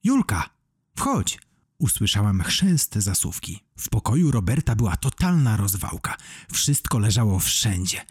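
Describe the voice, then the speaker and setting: A man narrating a children's audiobook with expressive storytelling. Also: lowish voice, moderate pace, breathy edge, no echo, clean studio sound.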